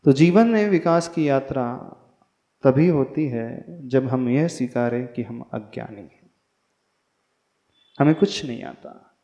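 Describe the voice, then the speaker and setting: A Jain monk teaches a hymn in a spiritual discourse, chanting verses and correcting pronunciation as he teaches recitation. His medium-pitched voice is slow and dark, with vocal fry and long pauses. The recording comes from an echoey hall and has a dull, lo-fi sound.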